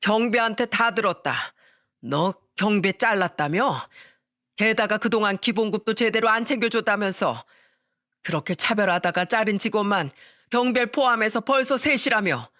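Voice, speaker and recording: A woman's voice: medium pitch, normal speed, a bit bright, dry recording, lightly acted. Woman doing angry old dad, stern and scolding, dry close sound. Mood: furious scolding. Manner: scolding, raised voice. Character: angry older man, a stern father-in-law.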